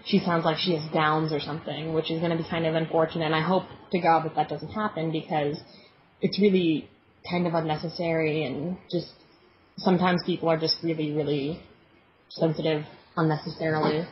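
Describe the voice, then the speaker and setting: A woman's voice: deep voice, little pitch movement, a little fast, a little hiss or hum. A woman co-hosting a casual podcast, blunt, teasing and opinionated. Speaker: podcast co-host. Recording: muffled lo-fi recording.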